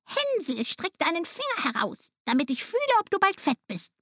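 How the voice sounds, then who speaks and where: A woman voicing a cruel, greedy old witch in a storybook reading, with a high shrill scolding voice. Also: huge pitch swings, normal speed, a bit bright, dry recording, clean studio sound, full character voice. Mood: impatient.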